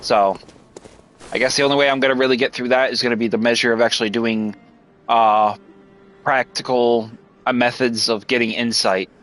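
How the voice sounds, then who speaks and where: A man's voice: mid-range voice, fairly even intonation, moderate pace, fairly bright tone. Frustrated man swearing through gameplay. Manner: frustrated, swearing often, stammering restarts. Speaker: gameplay streamer. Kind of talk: live gameplay commentary.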